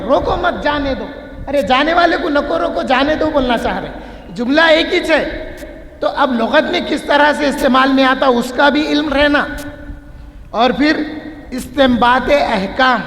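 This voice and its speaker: A man's voice: very high voice, vocal fry, fairly bright tone. A male religious scholar giving a mosque lecture, explaining points patiently through everyday examples. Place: large mosque hall. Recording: echoey hall with long reverb.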